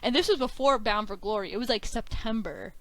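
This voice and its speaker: A woman's voice: a little high, a little fast, no room sound, low-quality recording. A woman in her twenties, a wrestling commentator, chatting as a guest and acting out quoted dialogue. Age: 20s. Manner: animated storytelling with quoted dialogue, frequent "like". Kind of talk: casual interview chat.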